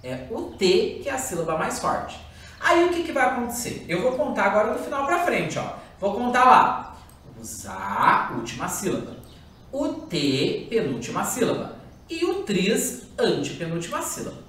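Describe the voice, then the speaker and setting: Lively woman teacher, roomy and distant. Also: a little high. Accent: Brazilian Portuguese. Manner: lively, drawn-out classroom explaining. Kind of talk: recorded online lesson for schoolchildren. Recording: roomy echo, far from the mic.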